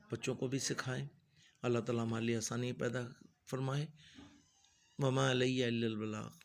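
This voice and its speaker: Speaking in a gravelly, medium-pitched voice, a middle-aged teacher leads a Quran lesson. Every word is recited in a slow, drawn-out way before he gives a quick, plain explanation of what it means.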